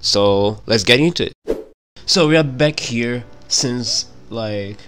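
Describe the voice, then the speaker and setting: A young man hosts a gaming video from a small room at home, talking casually and poking fun at himself while commenting on the game and reading dialogue aloud. His medium-pitched voice is slow and slightly bright, picked up on a handheld mic with soft music behind him.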